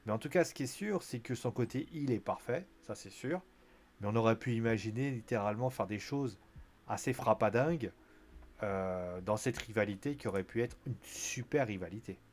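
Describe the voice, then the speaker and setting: A man's voice: fairly low pitch, normal speed. A man giving a casual, chatty recap of a wrestling show, full of fillers and acted-out quotes. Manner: chatty, lots of fillers, acts out quotes in a raised voice.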